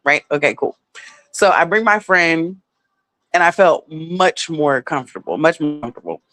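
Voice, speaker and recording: A woman's voice: low-pitched, lively intonation, moderate pace, a bit bright, no room sound. A woman telling a personal story in a casual vlog, candid and heavily profane, full of filler words.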